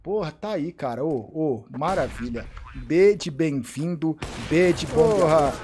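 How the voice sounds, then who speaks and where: A man with a Brazilian Portuguese accent reacting live to an esports match, excitable and profane, repeating short cries. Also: on the high side, unhurried, background noise. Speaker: streamer commentating an esports match. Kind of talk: live game reaction commentary.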